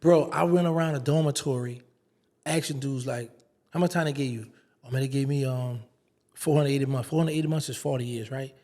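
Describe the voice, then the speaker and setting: An interview guest with a medium-pitched voice tells a casual story fairly quickly. He's an animated storyteller who acts out the quoted dialogue.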